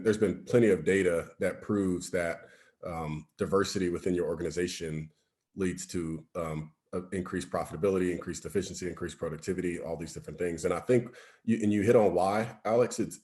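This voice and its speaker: A man speaking as an executive guest in a conversational interview, earnest and measured, restating points for emphasis. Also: sits low, a little mellow.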